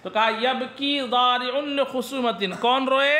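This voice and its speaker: Male grammar teacher, keeps quizzing the class, sharp bright tone. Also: very high voice, a little slow, reverberant. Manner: asks students questions and answers them himself. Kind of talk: classroom lesson explaining a text.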